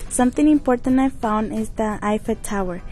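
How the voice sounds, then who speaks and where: A woman from Mexico, giving a thoughtful class presentation with pauses and ums. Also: on the high side, warm tone, soft background music. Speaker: English learner.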